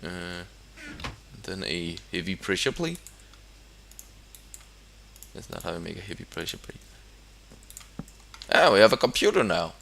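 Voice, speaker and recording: With a low, gravelly voice, big pitch swings, a measured pace, and long pauses, a young Danish man comments casually on a building game over some background noise. He speaks English as a second language with a Danish accent, hesitating and restarting often with many fillers. He's a gamer.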